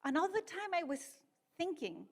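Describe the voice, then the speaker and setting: A woman's voice: very high voice, very animated, normal speed. Woman. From Chile. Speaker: guest speaker, ministry leader. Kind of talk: personal testimony.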